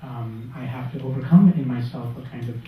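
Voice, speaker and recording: A man from Russia answering on a literary panel in a bookstore, speaking thoughtfully with halting restarts. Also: medium pitch, warm tone, a little hiss or hum. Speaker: panelist, writer. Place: bookstore event room. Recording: echoey room from far off.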